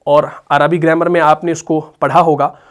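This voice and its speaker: A man's voice: on the high side, level tone, normal speed. A man with an Urdu accent teaching Quran reading rules in a patient explanatory lesson, often checking that his students understand. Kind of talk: explanatory lesson with slow chanted recitation.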